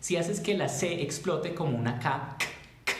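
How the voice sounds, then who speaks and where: Profesor colombiano en una sala con eco. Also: male voice, a little high, expressive, noisy background. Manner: switches between Spanish and English, repeats words slowly to model pronunciation; encouraging, reads viewers' comments aloud. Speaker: English teacher. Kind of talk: live-streamed bilingual lesson. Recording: echoey room.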